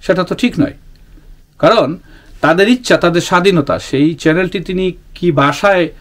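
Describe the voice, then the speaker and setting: This man, a YouTube host from the Sylhet area of Bangladesh, delivers an earnest, relaxed monologue to his audience, with frequent filler pauses and restarted sentences. His voice sits high and has a fairly bright tone.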